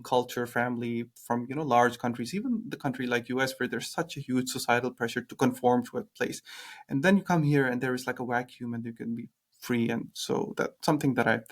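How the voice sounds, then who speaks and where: Young podcast host. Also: male voice, medium pitch. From Pakistan. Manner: hesitant, leans on "like" fillers. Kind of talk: casual podcast conversation.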